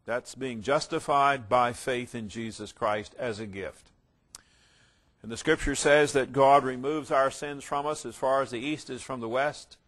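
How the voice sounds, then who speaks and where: A man teaching through a Bible passage verse by verse. He reads the text aloud with rising emphasis, then drops into quieter asides to explain it, sometimes stumbling and restarting a phrase. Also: medium pitch, measured pace.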